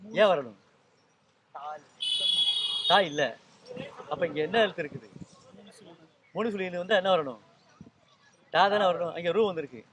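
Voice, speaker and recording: A man's voice: sits high, measured pace, pauses often, a bit bright. A man teaching language and spelling rules to a small group, patient and explanatory, often checking with questions. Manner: patient, quizzes listeners with repeated questions.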